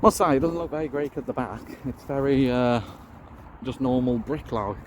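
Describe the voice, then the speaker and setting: A man's voice: mid-range voice, moderate pace, highs cut off, noisy background. A man walking outdoors, talking casually to his viewers with wry asides, and short of breath. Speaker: vlogger. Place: outdoors in open fields.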